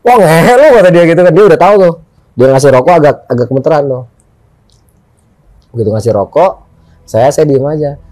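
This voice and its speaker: A man's voice: on the high side, a little fast, long pauses, no echo. A man telling a story in casual chat, acting out his friends' lines as he goes. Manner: animated, acts out friends' lines. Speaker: guest storyteller.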